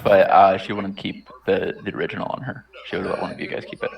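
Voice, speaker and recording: A man's voice: low voice, flat delivery, quick pace, gravelly. A man playing a tabletop roleplaying game, explaining things in casual talk. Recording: slightly distant mic, faint music behind.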